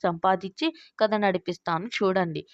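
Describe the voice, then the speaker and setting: A woman's voice: mid-range voice, fairly even intonation, normal speed, no room sound, natural voice. A woman voicing a cunning male crow minister in a storybook cartoon, speaking in a pleading, persuasive way. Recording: dull lo-fi dry recording.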